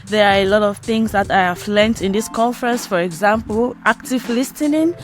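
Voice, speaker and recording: A woman's voice: mid-range voice, moderate pace, slight background noise. Enthusiastic woman recalling a conference. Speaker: conference participant. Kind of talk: interview testimonial.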